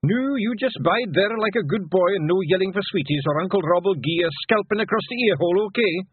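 A man voicing a tiny, rowdy male pictsie clan chief with a gruff broad Scottish brogue. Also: high voice, brisk, dry recording, pitched above the performer's own voice. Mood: boisterous. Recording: tinny phone-like dry recording.

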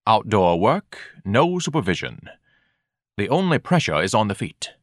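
Man voicing a grandiloquent, disdainful vendor; raised, loud, lively delivery, dry close read. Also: lowish voice, moderate pace, dry recording. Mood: icy. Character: pompous fat male hot-dog vendor, haughty and fussy.

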